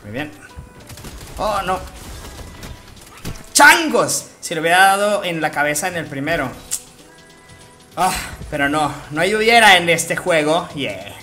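A man with a Mexican Spanish accent calls his own gameplay live, joking, swearing and bursting out in excited yelps. His voice is bright and forceful, and its pitch swings widely. Faint game music plays behind him. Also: moderate pace, long pauses. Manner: excitable, profane, jokey, with sudden outbursts. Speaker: gaming streamer.

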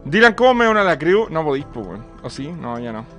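A man's voice: fairly high pitch, very animated, fairly quick, a bit bright, faint music behind. A young Chilean man streaming live, chatting with his viewers, swearing freely and joking as he reads out donations. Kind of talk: casual live-stream chat.

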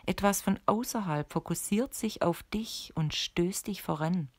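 A woman voicing a calm, friendly male sorcerer in an audiobook, speaking softly and unhurriedly, close to the mic. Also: high voice, measured pace, no echo. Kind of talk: audiobook character voice.

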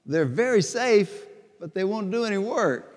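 A middle-aged man, a bishop, giving a homily at Mass in a slow, deliberate, conversational way with repeated phrases. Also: sits high, lively intonation. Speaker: bishop preaching. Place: large church sanctuary before the altar. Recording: long church reverb.

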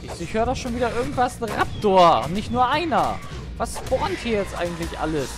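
Brisk and very animated, a man with a very high voice provides let's play commentary, cursing in frustration and yelling to the creatures in the game. Game music is loud behind him.

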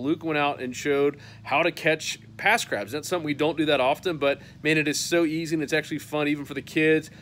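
On an outdoor patio, a man in his thirties hosts a fishing newsletter roundup, talking casually and upbeat into a phone camera with lots of "uh" fillers. His voice is on the high side and a bit bright, with a little hiss or hum.

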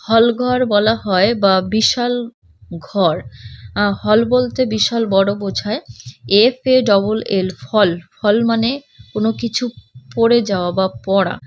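A woman's voice: mid-range voice, fairly even intonation, slow, no room sound. A woman teacher taking children through a textbook lesson, spelling each word letter by letter and then explaining what it means. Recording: dull lo-fi, dry.

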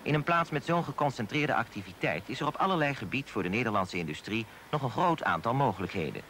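A man giving formal, measured scripted voice-over narration for a documentary. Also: mid-range voice, expressive, a little hiss or hum. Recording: voice-over with loud music behind.

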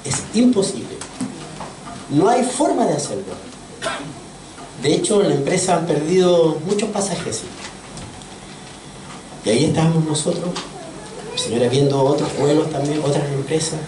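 Earnest preacher in an echoey church. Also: male voice, on the high side, animated, moderate pace, long pauses. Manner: earnest, asks the congregation questions. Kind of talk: sermon. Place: church sanctuary. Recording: echoey church audio from far off, faint noise.

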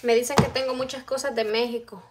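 A woman's voice: on the high side, fairly even intonation, a little fast, noisy background. A middle-aged woman, chatting casually on a phone live stream from her home kitchen while cooking and reading out viewers' comments. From El Salvador. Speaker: vlogger. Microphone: phone camera close-up.

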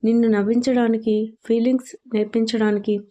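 A woman's voice: a little high, flat delivery, fairly quick, mellow, lo-fi sound, lightly acted. A woman narrator voicing a playful, mischievous young woman in love in a storybook audio drama. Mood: teasing. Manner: chatty and mischievous.

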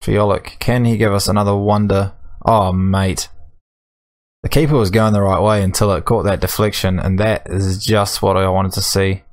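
Low-voiced New man, dry gamer. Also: flat delivery, moderate pace. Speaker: gaming video host. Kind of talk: casual game commentary while playing. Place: small room at home, indoors.

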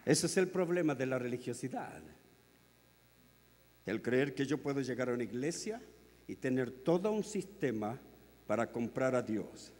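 A man with a Chilean accent preaching a sermon, telling stories and swinging from hushed tones to loud, emphatic peaks. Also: mid-range voice, expressive, moderate pace, long pauses. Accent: Chilean Spanish. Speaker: pastor. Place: large convention hall. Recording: long hall reverb.

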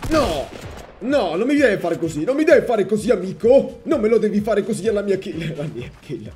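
A young man commentating his own gameplay as a channel host, excitable and jokey, jumping between loud outbursts and low muttering. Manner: jokey, sings and mocks opponents. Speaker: gaming YouTuber.

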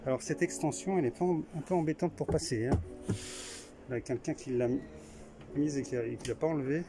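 Speaking fairly quickly at a medium pitch, this man wanders through a small camper van at a trade show and talks it over casually, stumbling through fillers and restarts. The handheld footage has a noisy background with music underneath his voice.

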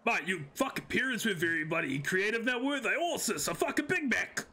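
A man's voice: high-pitched, sing-song, a little fast, sharp tone, heavily acted. A man with a New Zealand accent playing a crude, grumpy older bloke who is hard of hearing, drawling and swearing, calling everyone mate. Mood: cranky banter. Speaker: streamer in roleplay. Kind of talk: improvised roleplay in voice chat.

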